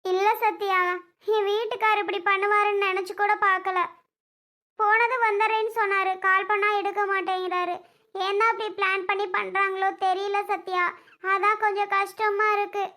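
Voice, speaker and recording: A woman's voice: extremely high pitch, level tone, normal speed, sharp tone. A woman voicing several bickering and tearful women relatives in a family skit, talking in a chatty, exclamatory way.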